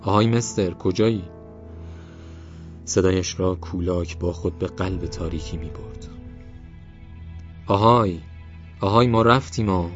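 A man voicing a gruff, blunt male truck driver with rough, cursing colloquial talk in an audiobook story. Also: deep voice, little pitch movement, hardly any pauses, close to an everyday voice. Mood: calling out. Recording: slightly muffled, soft music behind.

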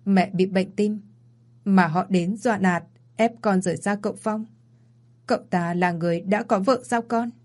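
A woman's voice: medium pitch, normal speed, darkish tone, lightly acted. Woman voicing a frail dying mother. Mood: scolding. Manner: weak, pleading, scolding. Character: dying elderly mother, weak and stern. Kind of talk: audio story reading.

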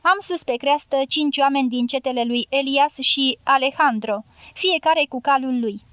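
A woman's voice: high-pitched, a bit bright, no room sound. A woman reading the part of a sullen male guerrilla leader in an audiobook, speaking bluntly and curtly. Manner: blunt, curt and self-justifying.

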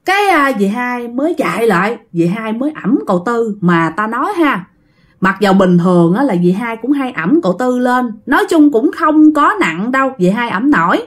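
A woman with a Southern Vietnamese accent narrates a ghost story aloud, chatting casually and frequently speaking directly to her listeners. Her voice is on the high side and sing-song, at a normal pace.

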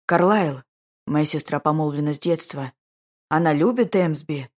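A woman's voice: sits low, normal speed. A woman voicing an indignant young aristocratic brother in an audiobook, speaking in a hissing, gloomy voice. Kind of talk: audiobook character voice.

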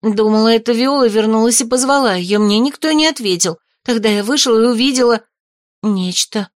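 A woman voicing a frightened young peasant girl who talks in a rushed, trembling way. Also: a little high, no room sound, clean studio sound, close to an everyday voice. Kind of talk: audiobook character voice.

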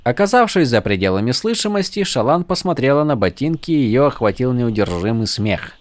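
Male narrator, lively and animated, dry close read. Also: medium pitch, fairly quick, dry recording. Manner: lively, expressive reading. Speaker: audiobook narrator. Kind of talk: scripted narration.

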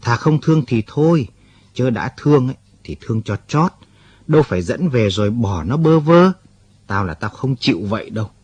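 A man's voice: mid-range voice, expressive, moderate pace, darkish tone, husky, no echo, highs cut off. A man voicing an older rural man who is blunt but kind-hearted. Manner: scolding yet fatherly, talks bluntly.

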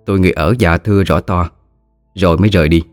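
A man narrating a story in a measured, dramatic way. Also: deep voice, steady tone, dry recording, clean studio sound, soft background music.

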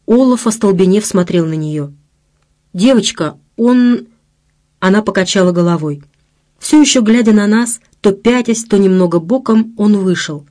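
A woman narrating an audiobook in a measured, expressive reading voice. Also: mid-range voice.

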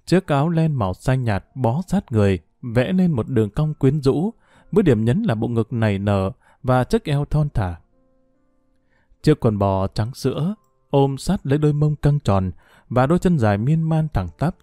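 A man narrating a first-person story in a measured, reflective, melancholy reading. His voice is mellow and mid-pitched, and the recording is dry and close. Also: big pitch swings, no echo, soft background music.

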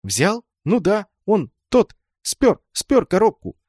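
A man's voice: on the high side, big pitch swings, normal speed, no room sound, clean studio sound, pitched above the performer's own voice. A man voicing a small, bewildered boy who earnestly tries to explain.

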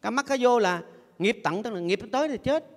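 High-voiced older monk preaching in a hall. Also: male voice, lively intonation, a little fast. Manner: playful, has the audience repeat phrases after him. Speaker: Buddhist monk giving a dharma talk. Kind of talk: sermon. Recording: long echoey hall reverb.

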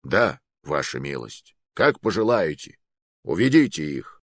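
A gruff mercenary commander, low-voiced and curt, deferring to his master - as a male reader puts him on. The sound is dry and close. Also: big pitch swings, unhurried, a bit bright, no echo, exaggerated voice. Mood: curt obedient.

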